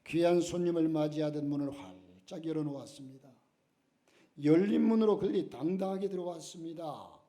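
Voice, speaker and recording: A male pastor preaches a Sunday sermon in a church, telling a story with drama and acting out the voices and prayers of its people. His voice sits a little high but has a mellow, warm tone. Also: fairly quick. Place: church sanctuary.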